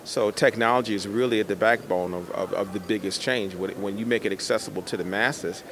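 At an indoor art expo held in a convention center, a middle-aged man who is an artist responds conversationally to interview questions via a handheld mic. The bustling exhibition hall crowd is heard behind his lowish, slightly fast voice.

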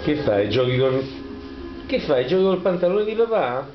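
Man, doting dog owner, slow sing-song baby talk, dull lo-fi home recording, music playing behind. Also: on the high side, animated. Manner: affectionate cooing baby talk. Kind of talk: home video, talking to his dog.

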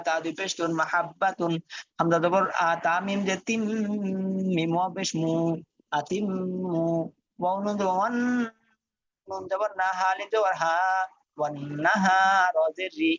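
Male teacher with a high voice, dry dull lo-fi sound, chants letter-by-letter spelling drills. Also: normal speed, no echo. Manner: spells out letters and vowel marks in a steady chant, then reads the whole word. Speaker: Quran reading teacher. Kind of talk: spelling-out recitation lesson.

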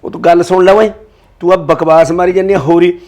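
A man playing a stern father-in-law who scolds gruffly. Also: high voice, flat delivery, quick pace, darkish tone, close to an everyday voice. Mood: scolding. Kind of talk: family drama acting.

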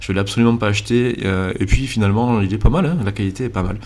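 A man in his twenties from the Landes in southwest France, with a southwestern French accent. He talks earnestly over gameplay, often pausing on "euh", recorded on a basic cheap microphone. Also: lowish voice, darkish tone. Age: 20s. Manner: earnest, hesitant with frequent "euh" fillers. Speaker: YouTube gaming channel host.

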